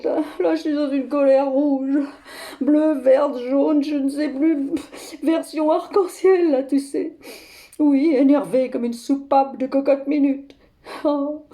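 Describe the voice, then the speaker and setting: An exasperated older grandmother, played by a woman, rants down the phone with dramatic flair, tagging nearly every phrase with a questioning "hein". Her voice sits high but sounds mellow and dark in tone, with a gravelly, creaky edge. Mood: fuming. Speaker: comic monologue performer. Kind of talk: one-sided phone call sketch.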